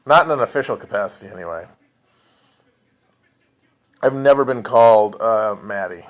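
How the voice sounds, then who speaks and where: Speaking at a moderate pace in a lower register, a podcast host responds to his livestream chat from home, alone at his computer or phone. The talk is casual and meandering, with swearing, false starts, and asides that trail away.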